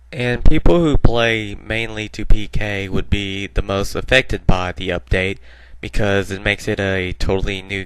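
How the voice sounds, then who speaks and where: A man's voice: sits low, fairly bright tone, clear, resonant tone, low-quality recording. A man giving casual voice-over commentary over gameplay, with a naturally bored-sounding voice and a rambling, filler-heavy way of talking. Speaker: gaming video host.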